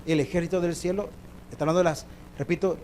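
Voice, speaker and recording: A Salvadoran man preaching at a church service in a high tenor voice. He drives his points home by repeating questions and calling the listeners brother, with a faint hiss of noise behind him. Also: fairly even intonation, fast talker, darkish tone. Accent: Salvadoran Spanish. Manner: emphatic, repeats phrases, addresses listeners as brother. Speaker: pastor. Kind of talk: sermon.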